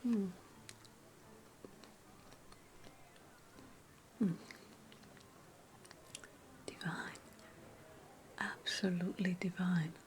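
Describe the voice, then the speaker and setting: Over slight background noise, a woman with a fairly low voice whispers slowly, voicing a haughty, playful ancient Roman noblewoman for ASMR. The mood is indulgent and snobbish as she teases, savors her words and often repeats phrases.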